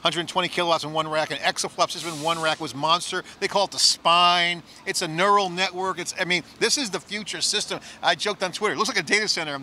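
A middle-aged man hosting an on-site tech analysis chat outdoors with a handheld mic, talking in a rapid, enthusiastic, riffing way. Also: high voice, fairly even intonation, pushed and bright, slight background noise. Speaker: tech show host. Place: outdoor plaza at a conference.

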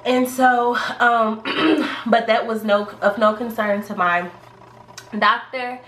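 A woman's voice: a little high, takes it slowly, a bit bright. Slightly congested woman chatting in echoey room. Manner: chatty and rambling, many fillers. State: a little congested from a cold. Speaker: pregnancy vlogger. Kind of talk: casual vlog talk to camera. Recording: echoey room, faint background noise.

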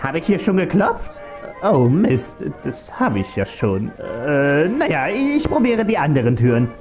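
A man's voice: a little high, very animated, measured pace, darkish tone, soft background music. A man voicing a timid, fussy, faceless animatronic rabbit who wants to clean, in a game let's-play.

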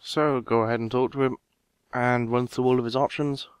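Smooth-voiced man narrating a game walkthrough. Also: medium pitch, a little fast, no echo. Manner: relaxed step-by-step instructions, talking straight to viewers. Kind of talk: casual game walkthrough voice-over.

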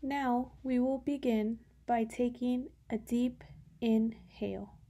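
A woman guides a meditation in a soft, breathy, slightly high voice that often drops nearly to a whisper. She gives calm instructions separated by long pauses.

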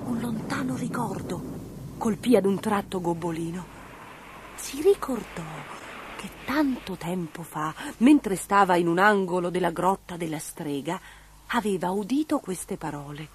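A woman narrating a children's fairy tale in an expressive, varied scripted reading. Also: on the low side, measured pace, a little hiss or hum. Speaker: storyteller.

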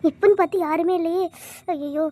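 A woman's voice: very high voice, brisk, a little mellow. A woman voicing a fretful young wife who fidgets and dodges questions in a cartoon. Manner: fretful, evasive.

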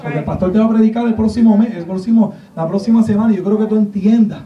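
A man from Puerto Rico with a Puerto Rican accent, preaching a sermon with animated, humorous storytelling. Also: sits high, fast. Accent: Puerto Rican Spanish. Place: large church hall. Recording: echoey church from a distant mic, dull lo-fi sound.

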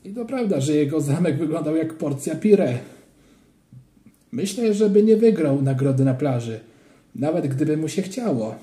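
A man reading a children's story aloud in an expressive narrating style. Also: fairly high pitch, moderate pace. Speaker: audiobook reader. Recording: roomy echo.

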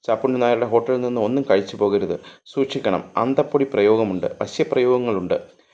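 A man voicing a blind young male ascetic who murmurs secretive warnings in a confiding hush. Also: medium pitch, brisk, muffled recording, close to an everyday voice.

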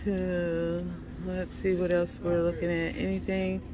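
A woman's voice: fairly low pitch, completely flat delivery, unhurried, crowd noise. A woman hosting a casual shopping vlog, chatting to viewers on a handheld camera. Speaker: vlog host. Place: shop aisles and parking lot outside. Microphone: handheld camera or phone. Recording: noisy on-the-go store recording. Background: clear store and street noise.

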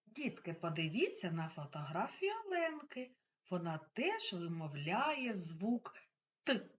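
A woman's voice: on the low side, big pitch swings, measured pace. A woman preschool teacher leading a speech lesson for small children, speaking with careful, exaggerated articulation and coaxing praise. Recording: dull lo-fi recording.

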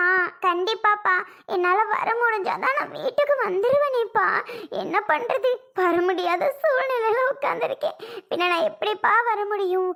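A woman voicing a tearful young daughter with a gravelly edge, talking in a weepy, pleading way. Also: very high voice, expressive, moderate pace, a bit bright, exaggerated voice. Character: tearful young adult daughter, soft-hearted student. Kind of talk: comedic family skit acting.

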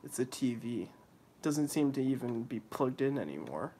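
A man's voice: medium pitch, very animated, normal speed, mellow, a little hiss or hum. A young man casually commenting on a video game and reading its text aloud in a wry, offhand way. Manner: wry, offhand, drops into mock voices and whispers. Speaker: let's play commentator.

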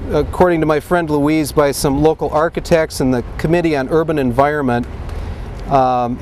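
A middle-aged man with a fairly high voice leads a walking tour outdoors, chatty and eager, with plenty of "uh"s between points. Traffic and street ambience hum faintly behind him, as heard on a nearby camcorder. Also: a little mellow. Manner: chatty, enthusiastic, with frequent uh fillers. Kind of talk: outdoor guided tour talk. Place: busy downtown street outdoors with a crowd.

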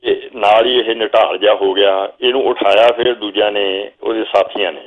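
An older Punjabi man, a guest telling a long story from memory at an unhurried pace, now and then quoting what he told the players. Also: lowish voice, fairly even intonation. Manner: slow reminiscing storyteller, quotes himself calling instructions. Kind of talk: storytelling interview. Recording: phone-like narrow sound.

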